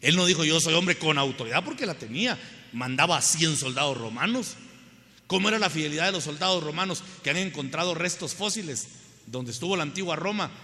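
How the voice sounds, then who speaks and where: A man with a Guatemalan accent preaches a fervent sermon and keeps calling out to the congregation. His voice sits on the higher side and rings hard and piercing. It echoes with a long tail through a church hall. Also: animated, a little fast, sharp tone. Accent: Guatemalan Spanish. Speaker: pastor.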